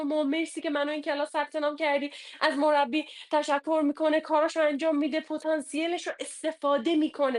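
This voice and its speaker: A woman who manages a sales team gives a casual motivational talk, chatting freely, asking rhetorical questions and acting out people's complaints. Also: sits high. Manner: conversational, acts out quoted complaints, rhetorical questions.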